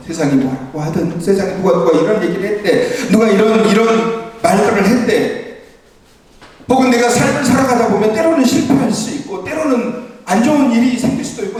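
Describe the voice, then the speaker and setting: A man's voice: sits high, darkish tone. A man preaching a Sunday morning sermon as pastor, earnest and exhorting, recorded from a distance in an echoey church hall. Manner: earnest, exhorting, with light laughs. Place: church sanctuary.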